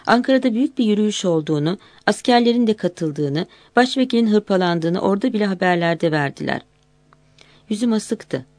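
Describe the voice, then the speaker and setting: Woman, audiobook narrator, calm measured delivery, mid pitch, dry recording. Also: dry recording.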